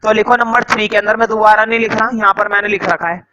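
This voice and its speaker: A man teaching a science class, slowly dictating notes to students and quizzing them with repeated questions. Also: high voice, level tone, sharp tone, low-quality recording. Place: classroom with a board.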